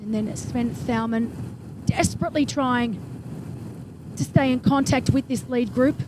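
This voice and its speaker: Behind this female race commentator, you can clearly hear engines and wind as she calls a triathlon live. Her high, bright voice stays brisk and enthusiastic, sprinkled with chatty side remarks.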